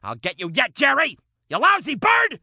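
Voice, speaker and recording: A man voicing an excitable male dog who hosts a bird show, hammy and quick to lose his temper. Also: sits high, dry recording, studio quality, full character voice. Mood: furious. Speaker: show host. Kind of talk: cartoon voice acting.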